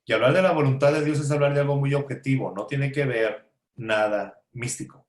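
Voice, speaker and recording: A man's voice: medium pitch, brisk. A man teaching a conversational Bible study lesson, asking and answering his own rhetorical questions with joking asides. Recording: roomy echo.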